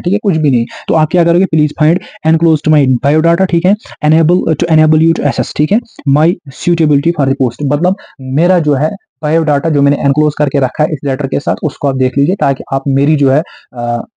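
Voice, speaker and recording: A young man in the role of a tutor, speaking quickly and with energy, breaking off every few words to check that his students are following. His voice is very dark and a little husky, set slightly high for a man. The recording is dull and lo-fi, with a dry, close sound. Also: no room sound. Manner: repeats "theek hai" and "bhai sahab", slows down to dictate English phrases. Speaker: teacher. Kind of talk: exam-prep lecture.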